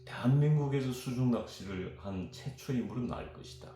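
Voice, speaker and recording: A man in his fifties from South Korea, telling childhood stories in a rambling, animated way as a guest. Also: mid-range voice, fairly quick, a little hiss or hum. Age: 50s. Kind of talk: storytelling chat. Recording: very echoey room with music behind.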